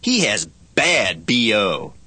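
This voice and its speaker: A man reading scripted practice dialogues for a language lesson, with expressive, swooping line readings. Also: lowish voice, slow, husky, no room sound.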